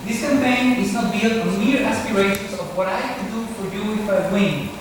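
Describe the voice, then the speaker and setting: A man, a city official and candidate, giving a prepared campaign speech in a steady, scripted delivery. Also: sits high, moderate pace. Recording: echoey hall from far off, noisy.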